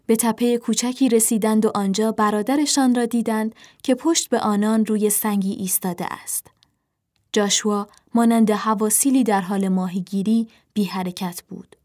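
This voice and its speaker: A woman narrating a children's animal story in a soft, measured reading voice. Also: medium pitch, steady tone.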